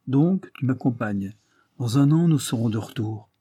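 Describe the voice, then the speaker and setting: A man's voice: mid-range voice, lively intonation, a little slow, dark tone, breathy edge, dry recording, studio quality. A man voicing an impulsive, exuberant young man eager to travel. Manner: exuberant, insistent.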